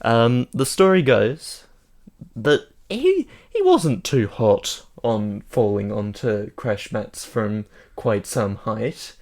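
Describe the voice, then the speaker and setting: A man's voice: mid-range voice, sing-song, slow pace, a little mellow. A man co-hosting a podcast, chatting casually and telling wry film anecdotes. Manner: wry storytelling with laughs. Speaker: podcast co-host. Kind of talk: casual chat.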